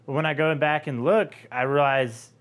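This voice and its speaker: A young man from Georgia with a light Southern accent, explaining a language topic to camera in a relaxed, conversational way with frequent fillers. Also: a little high, normal speed. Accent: Southern US, softened. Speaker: linguistics video host.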